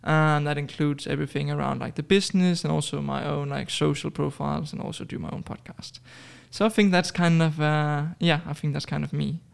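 Chatting casually as a podcast guest, a Danish man in his twenties speaks in a gravelly, smooth voice on the high side. He talks fairly quickly with a steady tone and few pauses, but stumbles through lots of fillers and restarts in this easygoing interview.

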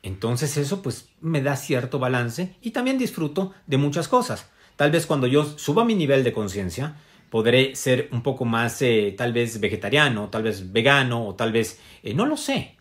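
A man's voice: mid-range voice, very animated, moderate pace. A man giving a casual spiritual wellness talk to an audience. He speaks reflectively, with many fillers and tag questions. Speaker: motivational speaker.

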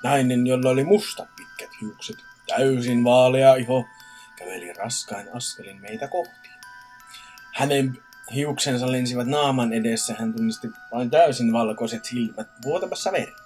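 A man's voice: mid-range voice, a little mellow, soft background music. A man co-hosting a casual podcast, reading scary stories aloud stiffly, with slips and restarts. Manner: reads stiffly with slips and laughs.

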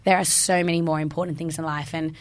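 A hoarse woman, a fitness instructor, chatting as a guest on a podcast and leaning often on "like". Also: low-pitched, flat delivery, quick pace. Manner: chatty, leans heavily on "like". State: hoarse from teaching classes. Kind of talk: casual podcast chat.

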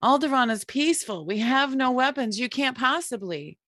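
A woman's voice: high-pitched, expressive, normal speed, a bit bright, no room sound, clean studio sound. A woman reading as a pleading young princess. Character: defiant young princess under interrogation. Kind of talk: playful scene reading.

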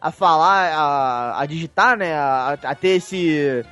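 A man's voice: a little high, slow pace, sharp tone, clean tone, soft background music. A man co-hosting a casual podcast chat, rambling with frequent stammered restarts. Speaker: podcast co-host.

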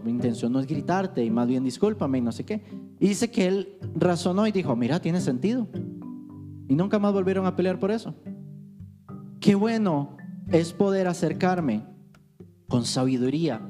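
A man teaching on worship, telling stories in a loose, conversational way. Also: a little high. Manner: conversational storytelling with anecdotes.

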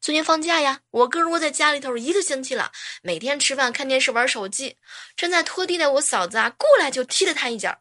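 Woman telling funny stories, bright sharp voice, kinda high, dry close mic. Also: quick pace, no echo. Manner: lively, acts out quoted lines with big pitch jumps. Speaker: joke storyteller. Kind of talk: comic anecdote narration.

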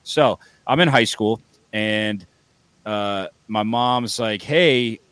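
A young man hosting a casual podcast, excitable and loud, rambling and swearing freely. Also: on the low side, takes it slowly, clean tone, no room sound. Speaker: podcast host.

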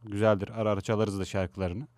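A man's voice: on the low side, flat delivery, fast talker, a little mellow, dry recording. A man co-hosting a radio show in casual chat, laughing often and mimicking people mockingly. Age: older than his co-host. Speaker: radio co-host.

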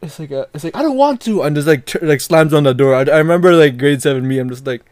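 A man's voice: a little high, fairly even intonation, fast talker, a little mellow, no echo. A young adult man in casual chat, using street slang with lots of bro, dude and dog. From outside Canada, moved there as a child.

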